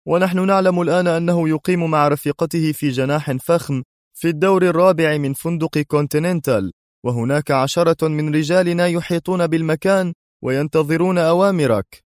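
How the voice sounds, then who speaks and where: A dutiful male officer giving a firm, businesslike report, as a male narrator puts him on. His voice is pitched noticeably higher than the narration and sounds set back. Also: fairly quick, dry recording, clean studio sound, close to an everyday voice.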